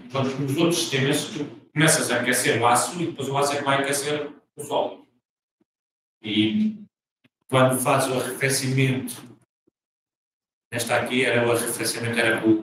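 A man with a European Portuguese accent giving a seminar talk, thinking aloud and restarting phrases. He sounds far from the mic in a strongly echoing lecture room, with faint noise behind him. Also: medium pitch. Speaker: guest lecturer.

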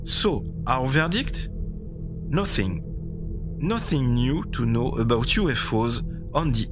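A man with a French accent, a native French speaker, delivering critical, sardonic scripted commentary as the host of a video channel. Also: medium pitch. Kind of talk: scripted commentary rebutting a TV show. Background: background music.

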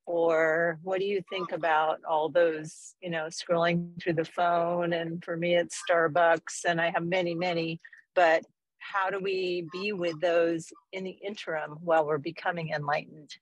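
A woman's voice: fairly low pitch, little pitch movement, unhurried, no echo, muffled recording. A woman asking a question over a car speakerphone while she drives, chatty and a little self-deprecating. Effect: talking over car speakerphone while driving. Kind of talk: casual question on a video call.

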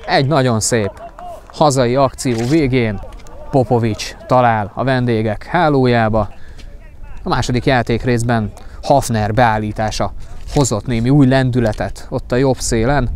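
Man giving excited football commentary. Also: mid-range voice, slight background noise. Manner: voice rises excitedly with the play. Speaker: football commentator for the home side.

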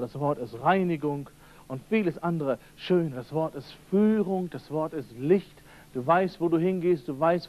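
A man with a slightly high, somewhat mellow voice delivers an emphatic seminar sermon in a church seminar hall. He repeats key phrases and addresses listeners directly, captured on an old radio-quality seminar tape.

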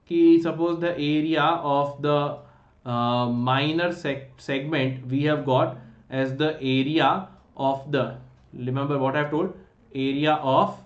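A man with an Indian accent teaching a live online maths lesson, mixing English with Hindi in an instructive way and often checking that students follow. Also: on the high side. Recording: roomy echo, slightly dull sound.

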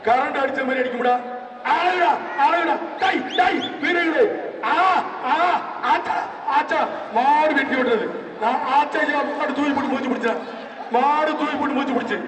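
Man shouting through an arena loudspeaker. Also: extremely high pitch, moderate pace, noisy background. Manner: excited, shouting, repeating short cries. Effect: heard through a public-address loudspeaker. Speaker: bull-taming event announcer. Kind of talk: live commentary over loudspeaker. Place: open-air arena with a large crowd. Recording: echoing loudspeaker from far off over crowd.

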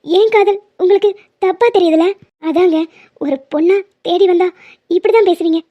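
A woman's voice: extremely high pitch, normal speed, lo-fi sound. A woman voicing a young woman obsessed with love in a cartoon, pleading and insistent.

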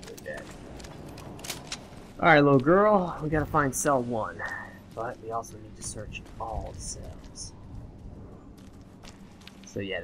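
A young man doing let's play commentary, excitable and swearing at the game, his voice going hoarse. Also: mid-range voice, slight background noise. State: losing his voice. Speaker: gaming channel host.

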